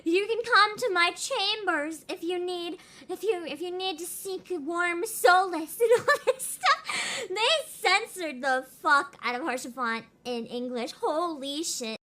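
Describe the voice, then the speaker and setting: A woman's voice: a little slow, few pauses, bright, forceful tone. A woman streaming a game through a voice changer, giggling and swearing while she chats casually. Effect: voice changer raising the pitch. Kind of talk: casual gameplay commentary.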